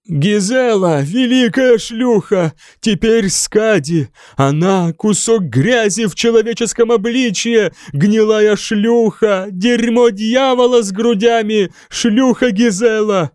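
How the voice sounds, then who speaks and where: A man's voice: high-pitched, animated, slow pace, hardly any pauses, a little mellow, dry recording, clean studio sound, pitched above the performer's own voice, heavily acted. A man voicing a blind, raving monk who wails and chants fanatical accusations. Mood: shrieking. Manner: shrieking, wailing chant.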